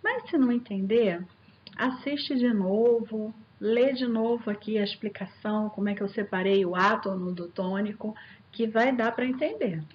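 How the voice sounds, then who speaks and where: A woman's voice: medium pitch, normal speed, muffled recording, slight background noise. A woman teacher giving a recorded online lecture, explaining step by step, asking herself rhetorical questions and speaking directly to her students. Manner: addresses viewers directly and warmly as students. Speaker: linguistics teacher.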